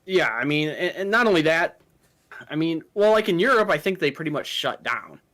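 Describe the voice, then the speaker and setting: A man co-hosting an anime podcast in casual chat, tossing in quick joking asides. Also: a little high, animated, fairly bright tone. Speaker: podcast co-host.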